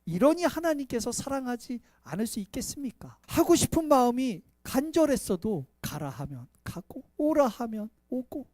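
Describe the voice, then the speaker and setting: Male pastor, sermon, loud then hushed delivery, acts out voices, dry close sound. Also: sits high, dry recording. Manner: swings between loud emphatic preaching and soft hushed pleading; acts out quoted voices in conversational asides. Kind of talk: Sunday morning sermon.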